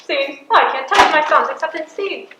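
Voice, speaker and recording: Actress as a high-voiced, cunning older queen. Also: animated, moderate pace. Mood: wry, scheming. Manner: grand, wry, manipulative. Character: proud, cunning older imprisoned queen and mother. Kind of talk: theatrical period drama monologue and dialogue. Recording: echoey room, audible background noise.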